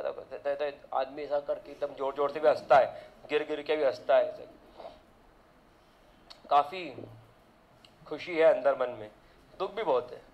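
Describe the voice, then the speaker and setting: High-voiced chatty male physics teacher. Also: low-quality recording. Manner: chatty, drifts into side rants with rhetorical questions. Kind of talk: casual classroom lecture.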